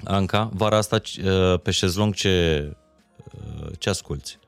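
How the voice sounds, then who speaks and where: A man with a very low voice hosts a podcast and chats with his guest. He speaks in a friendly, halting way, stopping often on fillers. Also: clear, resonant tone, soft background music. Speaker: podcast host. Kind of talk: casual interview chat.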